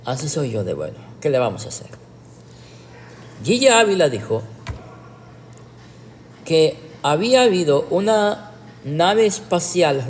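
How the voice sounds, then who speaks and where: A man's voice: sits high, slight background noise. Sarcastic preaching man, echoey room. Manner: sarcastic, with emphatic rhetorical questions. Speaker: pastor. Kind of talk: livestreamed teaching sermon.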